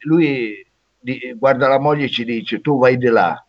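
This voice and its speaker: A man's voice: mid-range voice, a little slow, dry recording. A man putting on a boastful police inspector calling in over a phone line, pompous and muddling his words. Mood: self-important. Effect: heard over a phone line. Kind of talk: comedy radio sketch.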